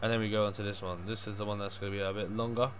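A man's voice: on the low side, level tone, very fast, fairly bright tone. A young man chatting casually on a gaming livestream, sweary and full of matey slang. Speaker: livestreaming gamer. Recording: clear background noise.

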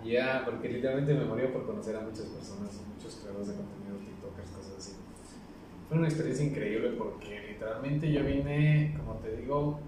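Young man telling stories in an echoey room. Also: on the low side. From Ecuador. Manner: lively storyteller, keeps saying "literally". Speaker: podcast guest, doctor. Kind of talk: casual chat. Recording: roomy echo, distant mic, noisy.

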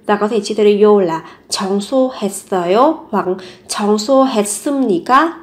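A woman's voice: medium pitch, animated, fast. A young woman with a Vietnamese accent teaching Korean phrases, patiently repeating each example several times. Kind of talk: language lesson explaining phrases.

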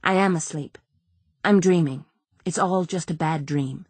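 A woman's voice: on the low side, measured pace, darkish tone, husky, dry recording. A woman voicing a bitter, wounded young woman who talks in a dry, sarcastic way. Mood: sardonic.

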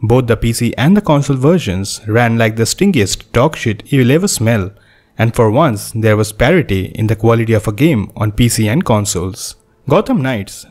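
A young man with an Indian accent hosting a gaming channel, delivering a scripted voice-over review in a sarcastic, deadpan, self-mocking way. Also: mid-range voice.

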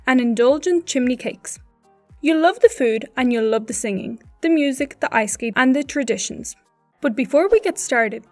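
Woman doing travel voice-over, high bright-ish tone, dry close sound, soft music under. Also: no echo. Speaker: travel channel host. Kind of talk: scripted travel narration.

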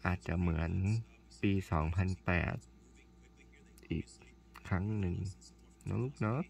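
A woman chatting slowly and dotingly to her cat in a teasing, affectionate way, humming between phrases. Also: extremely low pitch, vocal fry, darkish tone. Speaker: vlogger talking to her cat. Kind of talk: casual chat addressed to a pet.

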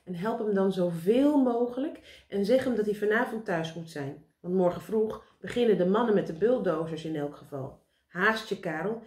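A fretful, fussy older gentleman, voiced by a woman reading aloud, worried and insistent as he gives orders. The room around the voice echoes. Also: medium pitch, expressive, moderate pace, close to an everyday voice. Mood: instructing. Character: anxious fussy elderly gentleman, Mr. Pen. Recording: roomy echo.

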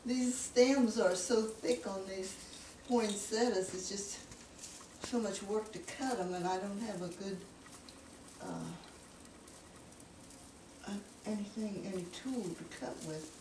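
An older woman chatting casually about her home, relaxed and a little hesitant. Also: mid-range voice, slow, pauses often. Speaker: homeowner. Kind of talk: casual chat. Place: inside a house. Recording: roomy sound from far off the mic, faint noise.

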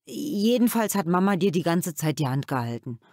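A woman voicing a gentle, thoughtful father who talks calmly and a little sadly, in a children's audiobook. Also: fairly low pitch, normal speed, dry recording, clean studio sound. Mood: reflective. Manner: calm, reflective storytelling.

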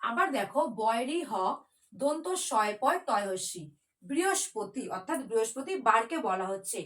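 A woman's voice: on the high side, animated, unhurried, fairly bright tone. A woman teaching a children's spelling class in a patient, coaxing way, spelling words out letter by letter.

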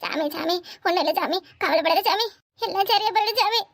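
A woman's voice: extremely high pitch, fairly quick, creaky, dry recording, studio quality, full character voice. A woman voicing an older, tender village mother in a cartoon who comforts her children, with a southern Tamil Nadu accent. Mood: comforting. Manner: comforting, soft.

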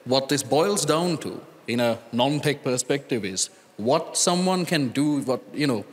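Sri panelist in his thirties, earnest and deliberate, mid-range voice, handheld mic, long hall reverb. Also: mid-range voice, lively intonation. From Sri Lanka. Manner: earnest, deliberate, with pauses and restarts. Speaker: conference panelist, data scientist. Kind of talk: conference panel talk. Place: large conference hall stage. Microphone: handheld microphone. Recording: reverberant conference hall sound.

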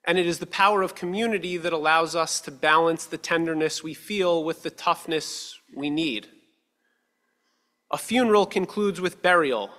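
A male rabbi in his thirties giving a measured, earnest sermon at a lectern with a stand mic, slowing down for emphasis. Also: on the high side, sharp tone. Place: synagogue sanctuary, at a lectern. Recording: long reverb of a sanctuary hall.

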